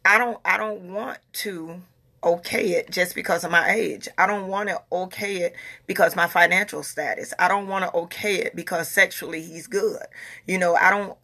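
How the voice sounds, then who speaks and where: Speaking at normal speed in a lowish, steady voice that is pushed and bright with a breathy edge, this Southern-dialect vlogger in her forties chats casually with followers. She comes across as earnest, circling back and repeating herself to drive her point home.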